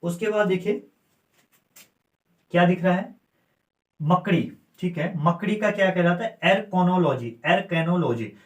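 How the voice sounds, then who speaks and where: Male exam-prep teacher: high voice, echoey room, quizzes himself on terms. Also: a little slow, long pauses, dull audio. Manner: repeats key terms, asks and answers his own questions. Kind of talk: exam-prep lecture with memory tricks.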